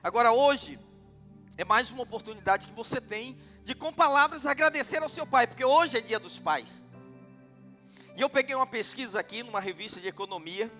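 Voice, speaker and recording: A man's voice: very high-pitched, expressive, brisk, sharp tone, in a large hall, soft background music. A middle-aged man with a Brazilian Portuguese accent preaching a sermon, telling stories and asking the congregation questions. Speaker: pastor.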